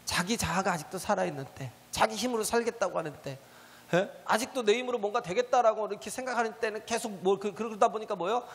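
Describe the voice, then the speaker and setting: A man preaching a sermon with a high-pitched voice that carries a long church-hall reverb. He keeps turning to the congregation with rhetorical questions and quick prompts for a response. Now and then he calls out a hallelujah. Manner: punctuates with shouted hallelujahs. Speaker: pastor. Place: church sanctuary.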